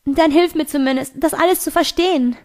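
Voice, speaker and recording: A woman's voice: sits high, normal speed, pitched above the performer's own voice, natural voice. A woman voicing a desperate teenage girl who pleads urgently in a raised voice. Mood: pleading, urgent.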